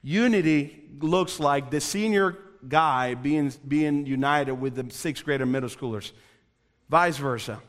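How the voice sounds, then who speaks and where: A man's voice: on the high side, a little slow, big-room sound. A young man from the Dominican Republic preaching an earnest youth sermon, repeating phrases for emphasis and speaking straight to the room. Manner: earnest, repetitive emphasis, addresses the room directly. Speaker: youth pastor.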